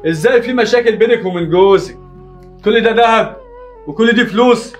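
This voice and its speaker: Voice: mid-range voice, brisk, music in the background, close to an everyday voice. A performer with an Egyptian accent playing a blustering male thief who makes demands and interrogates. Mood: demanding. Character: blustering male thief, later a dreaming husband.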